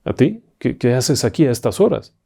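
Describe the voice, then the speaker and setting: A man voicing a gentle young ghost girl who hitches a ride, speaking softly and persuasively in a told ghost story. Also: mid-range voice, big pitch swings, moderate pace, vocal fry. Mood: gentle coaxing.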